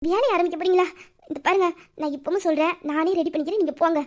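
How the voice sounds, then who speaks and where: A woman playing a feisty, high-voiced office girl. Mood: irritated. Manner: quick, sharp and exasperated. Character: feisty young female office worker. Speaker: young female office staffer. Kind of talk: Tamil audio drama acting.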